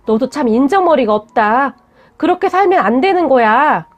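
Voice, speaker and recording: A woman's voice: sits high, expressive, moderate pace, faint music behind. A woman voicing a blunt, defensive young man who scolds his fiancée in a read-aloud story. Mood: scolding.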